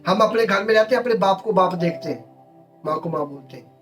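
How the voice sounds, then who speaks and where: A man preaches a sermon in a high voice, driving his points home in short, repeated phrases. He sounds set back from the microphone, with faint music underneath. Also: animated, fairly quick, a bit bright, far from the mic. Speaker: pastor.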